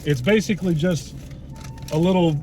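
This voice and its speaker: A middle-aged man talks in a fairly high male voice. He rambles casually and bluntly, with mild swearing, like a food vlogger. The recording has plenty of car-interior noise behind him. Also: moderate pace, warm tone. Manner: blunt, mildly profane, rambling. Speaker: food vlog host. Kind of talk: casual chat. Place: inside a parked car in a driveway. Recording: noisy car interior with road hum.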